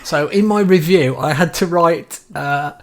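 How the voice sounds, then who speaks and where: A man's voice: on the high side, a little slow. A man, co-hosting a podcast and telling jokey anecdotes in a casual chat. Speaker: podcast co-host. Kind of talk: casual storytelling.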